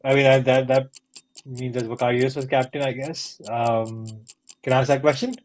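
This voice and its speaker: A man chatting casually while he works through a quiz question. He thinks aloud and restarts his sentences often. His pitch sits in the ordinary middle range. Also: fairly even intonation, moderate pace, a little mellow. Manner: thinks aloud, hesitant restarts, frequent laughs. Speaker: quiz contestant and co-host. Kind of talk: casual chat.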